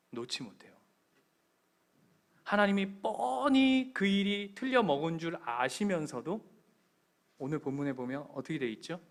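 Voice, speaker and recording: Man, pastor, sermon, high voice, animated delivery, acts out voices, loud to soft swings.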